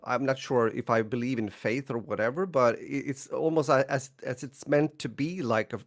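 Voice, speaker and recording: Swedish-accented man, halting podcast chat. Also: mid-range voice. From northern Sweden. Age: middle-aged. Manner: halting, many restarts and soft laughs. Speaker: podcast co-host. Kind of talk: casual chat.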